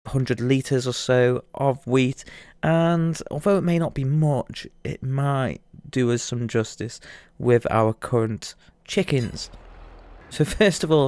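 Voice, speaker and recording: This gaming YouTuber, a young man, rambles chattily through casual let's-play commentary, his voice still slightly rusty after losing it. It sits in the mid range and is a little mellow. A bit of hiss or hum runs in the background.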